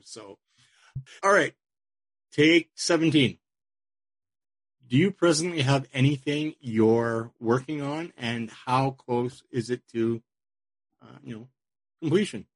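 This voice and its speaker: Recorded with no room sound, a man of medium pitch hosts a casual podcast interview, putting his questions in a friendly, chatty manner.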